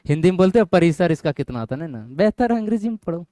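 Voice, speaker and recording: A man's voice: a little high, very animated, quick pace, mellow, no room sound, clean studio sound. A male math teacher lecturing a classroom of students, often quizzing them and asking if they follow. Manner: quizzes students, keeps asking "getting my point?".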